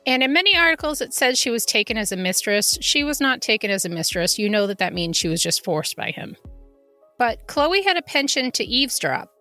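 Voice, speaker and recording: A woman's voice: fairly high pitch, very animated, fairly quick, bright, forceful tone, faint music behind. A woman hosting a podcast, telling history and ghost lore from notes in a conversational way with informal asides. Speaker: podcast host. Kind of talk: semi-scripted true haunting storytelling, conversational.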